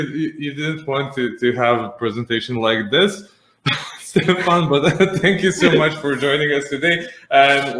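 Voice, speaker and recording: A man's voice: mid-range voice, a bit bright. A man from Serbia with a Serbian accent, hosting a casual interview in an informal, hesitant, rambling way. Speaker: host. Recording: echoey room sound.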